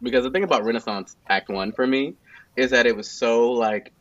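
A man's voice: medium pitch, brisk, fairly bright tone, dry recording. An American man chatting casually with friends in an emphatic, slangy, sassy way. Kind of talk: casual group chat. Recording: slightly dull, lo-fi audio.

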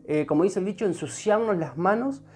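A woman's voice: lowish voice, animated, a little fast, darkish tone. A woman with an Argentine accent giving an earnest devotional sermon, repeating her phrases and often checking in with her listeners. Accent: Argentine Spanish. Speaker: preacher.

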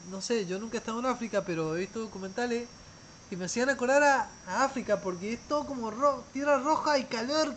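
A man's voice: very high voice, a bit bright, slight background noise, low-quality recording. Man, casual travel storytelling, rambling restarts, faint crickets behind. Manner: rambling, with frequent restarts and trailing phrases.

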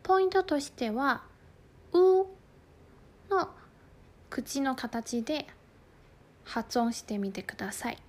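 A woman teaching phrases in a language lesson, explaining slowly and carefully, with stressed example words. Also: high-pitched, big pitch swings.

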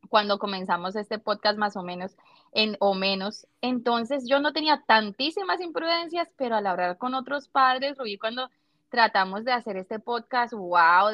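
A woman host talks in an earnest, supportive way in a casual chat. Her voice is slightly high. The recording is dry and close. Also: a bit bright, dry recording.

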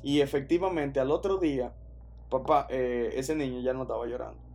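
A man from the Dominican Republic with a Dominican accent, casually telling a personal story in an animated, slangy way, often restarting his sentences. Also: mid-range voice, fairly quick, soft background music. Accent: Dominican Spanish. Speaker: podcast storyteller.

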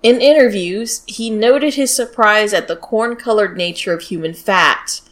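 A woman's voice: mid-range voice, unhurried, fairly bright tone. A woman with a general American accent hosting a podcast, telling true-crime stories in a blunt, informal, sweary way. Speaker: podcast host. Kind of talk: casual true-crime storytelling.

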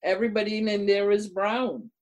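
A woman's voice: medium pitch, fairly even intonation, brisk, a little mellow. An older woman from Trinidad and Tobago, a guest in casual conversation who speaks earnestly and repeats words for emphasis. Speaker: guest, community workshop presenter.

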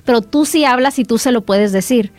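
A woman's voice: a little high, brisk, a little mellow. A woman psychologist, a guest on an interview show, explaining parenting advice and acting out little parent-child dialogues, with frequent restarts.

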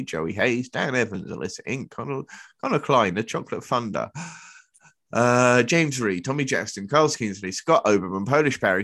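An English man co-hosting a podcast, reading event cards with quick joking asides in a casual news roundup. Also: lowish voice, fairly bright tone. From England. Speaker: podcast co-host.

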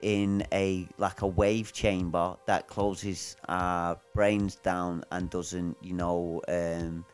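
A man's voice: deep voice, flat delivery, slow, few pauses, smooth, faint music behind. A man co-hosting a podcast in casual chat, easygoing and chiming in with quips and agreement. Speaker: podcast co-host.

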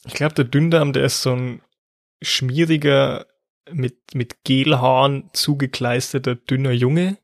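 A man's voice: mid-range voice, fairly even intonation, unhurried, dry recording, studio quality. A man co-hosting a comedic podcast, rambling and joking in casual chat. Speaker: podcast host.

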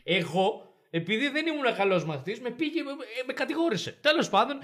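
A man's voice: very high voice, very animated, a bit bright. A young man co-hosting a casual podcast, telling stories animatedly and acting out the people in them. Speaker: podcast co-host. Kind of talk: casual chat.

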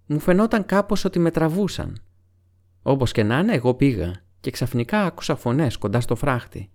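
Merry, a frightened young hobbit, as a man puts him on, comes out a little higher than the reader's own voice and rushes his words breathlessly. The urgency is that of an audiobook storyteller doing a nervous, eager character. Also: very animated, a little mellow. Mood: urgent.

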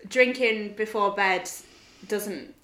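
A woman's voice: mid-range voice, slow pace, a bit bright. A young woman from Leeds, England, co-hosting a casual podcast chat at home, full of joking, sweary banter. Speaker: podcast co-host. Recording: roomy echo.

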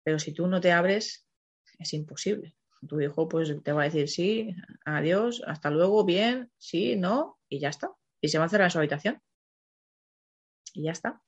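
A woman's voice: low voice, fairly quick, pauses often, slightly rough. A woman with a Spain Spanish accent hosting a parenting program, talking in a chatty, rambling way and often tagging her sentences with a questioning "no?". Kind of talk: casual spoken monologue. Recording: slightly muffled recording.

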